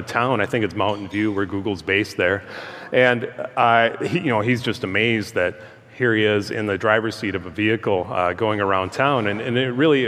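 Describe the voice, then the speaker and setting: A man's voice comes through loudspeakers with long hall reverb. He has a mid-pitched voice and presents informally to the public, in a halting, conversational manner. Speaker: guest speaker, transportation engineer. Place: large room, speaking through a PA system.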